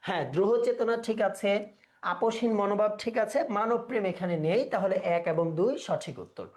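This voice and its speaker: A man whose voice sits high, with a darkish tone, teaches an exam-prep class live online. He quizzes students and slowly repeats words to drill how they pronounce them.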